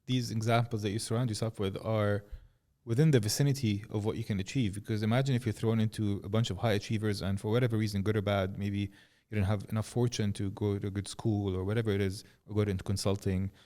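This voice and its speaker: Fast-talking man with a low, dark voice. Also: steady tone. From Jordan. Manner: rambling, restarts sentences, says "like" often. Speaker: podcast host. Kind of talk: casual conversation.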